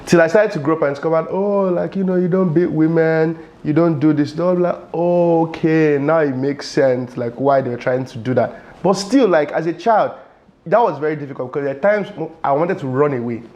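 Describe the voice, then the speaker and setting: A young Nigerian man with a Nigerian accent, hosting a casual talking-head vlog. He talks in an animated, chatty way with lots of fillers, recorded on a lapel mic in a home studio room. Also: a little high, normal speed, dull audio. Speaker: vlogger host.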